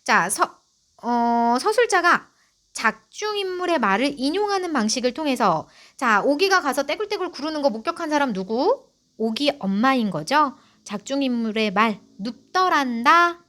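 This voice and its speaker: A woman's voice: high voice, lively intonation, normal speed, a bit bright. A woman teaching literature in an online exam-prep lecture, explaining the text, asking her students questions and talking to them directly. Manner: talks directly to students, chatty.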